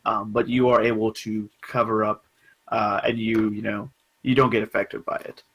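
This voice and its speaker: A young man narrating as game master in a casual, halting way with lots of fillers. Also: fairly low pitch, flat delivery, fairly bright tone, husky, poor audio.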